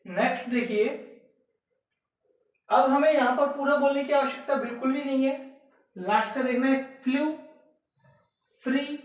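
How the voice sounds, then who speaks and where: A woman's voice: sits high, measured pace, long pauses, muffled recording. A woman teaching an exam prep lesson, explaining step by step, repeating key words and asking rhetorical questions. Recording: echoey room, voice far from the mic.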